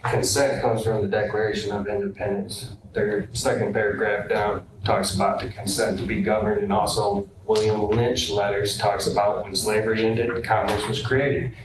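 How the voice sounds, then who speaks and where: A man speaking as a defendant in court, halting with frequent pauses and ums, heard on a courtroom recording. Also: fairly low pitch, level tone. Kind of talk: courtroom statement. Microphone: distant room mic. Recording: echoey, noisy distant courtroom recording.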